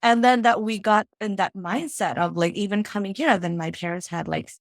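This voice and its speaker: This financial strategist from Fiji has a gravelly mid-range voice and a moderate pace, recorded with no echo. As a guest in a relaxed interview she reflects on her story, frequently adding "right?" and "you know".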